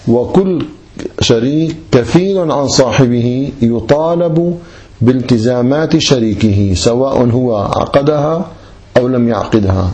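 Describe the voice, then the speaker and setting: A man's voice: medium pitch, dark tone. A man teaching Islamic law in a classroom lecture, calling his listeners brothers and asking and answering his own questions.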